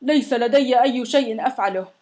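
A woman's voice: fairly high pitch, fairly quick, close to an everyday voice. A woman voicing a big, sulky, sick male monster in a storybook reading, whiny and complaining. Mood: grumbling. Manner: whiny and complaining, loud when shouting demands.

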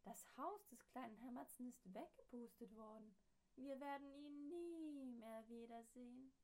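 A woman's voice: mid-range voice, lively intonation, takes it slowly, darkish tone. A woman reading aloud voices a worried crowd of townspeople exclaiming in alarm. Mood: fretful. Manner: fretful, exclaiming. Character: worried crowd of small-town folk.

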